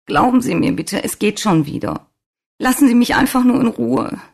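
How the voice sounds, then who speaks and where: A woman's voice: fairly low pitch, animated, moderate pace, creaky, slightly rough, pitched above the performer's own voice, heavily acted. A reader voicing a distraught young woman who is crying and pleading in a German audiobook. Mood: shaken, pleading.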